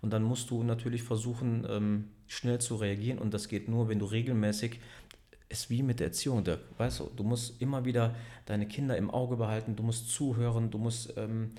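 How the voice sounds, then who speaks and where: Man, business owner, casual interview chat, rambling, self-correcting, medium pitch. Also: steady tone, fairly quick, dark tone. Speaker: business owner and team leader.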